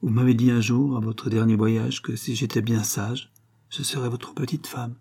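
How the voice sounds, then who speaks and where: A shy sixteen-year-old village girl, soft and hushed, as a male narrator gives her voice. The tone stays dark and husky, with a mid-range pitch. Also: steady tone, normal speed. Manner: soft and quiet.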